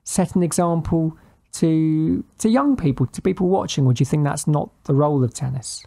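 Male podcast co-host, warm mellow voice, ponders aloud, restarts his sentences. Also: fairly high pitch, moderate pace, gravelly. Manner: thoughtful, hesitant, self-correcting. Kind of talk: casual chat.

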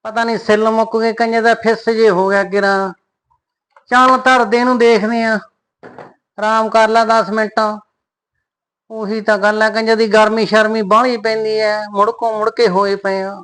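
A woman's voice: a little high, little pitch movement, moderate pace, a bit bright, close to an everyday voice. A woman playing a lazy, teasing village mason man with a Punjabi accent, brushing off complaints in an easygoing way. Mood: idle grumbling. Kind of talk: comic short-film acting.

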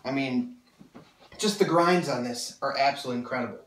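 Speaking fairly quickly in a mid-pitched, somewhat bright voice, a young sword collector rambles casually and eagerly about a blade, sounding a bit nasal from a cold and using many fillers. A camera mic several feet off picks up the echo of his small, sword-filled room and slight background noise.

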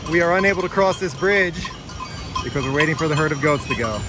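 A man's voice: fairly high pitch, quick pace, noisy background. A man narrating his hike casually into a handheld camera outdoors, chatting and playfully scolding the animals around him. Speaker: hiking vlogger. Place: outdoors on an alpine pasture and trail.

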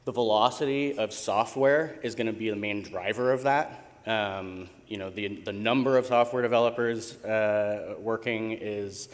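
Delivering a keynote on a conference stage, a tech co-founder from America talks in a lowish register at normal speed, barely pausing. He sounds casual and somewhat unsure, with ums scattered throughout, while the big hall adds a long echo.

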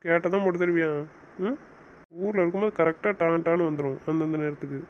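A man's voice: on the high side, fast talker, lightly acted. Cast a man as a bossy, teasing young husband for an audio romance series, muffled home recording with faint hiss. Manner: teasing, scolding banter.

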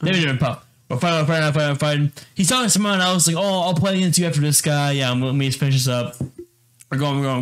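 Young men at a microphone chat for a podcast. He is a co-host with a slightly high voice, telling an animated story, repeating words and putting on quick voices for other people.

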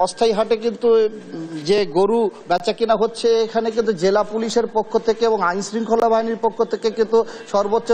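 Man reporting live from a cow shed, lots of uhs, higher voice, echoey. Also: darkish tone. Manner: halting, many filler sounds. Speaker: field reporter. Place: outdoor cattle shed on a farm. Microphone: handheld mic.

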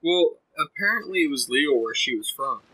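A man's voice: mid-range voice, animated, pushed and bright, breathy edge, low-quality recording. A man casually chatting as co-host of a video game let's play, reacting with dry jokes. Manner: dry, quick reactions and joking quips. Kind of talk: casual gameplay chat.

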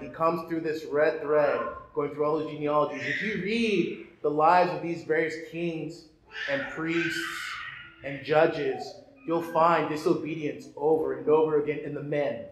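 A male priest giving a sermon, preaching earnestly with rhetorical questions and repeated phrases. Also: on the high side. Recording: echoey church room, faint ambience.

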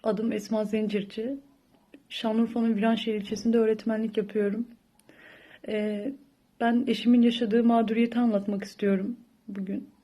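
Higher-voiced young woman giving earnest testimony. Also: flat delivery, normal speed, warm tone. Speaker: teacher making a public appeal. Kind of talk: personal testimony, plea. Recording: dull lo-fi audio.

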